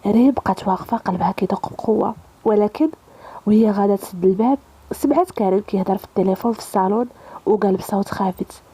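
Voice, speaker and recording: Fast, husky Moroccan woman storyteller. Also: medium pitch, warm tone, rough recording. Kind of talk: scripted story narration.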